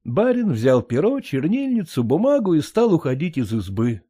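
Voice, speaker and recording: A man narrating a classic story in a measured storytelling manner. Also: on the high side, big pitch swings, dark tone, breathy edge, no room sound, clean studio sound.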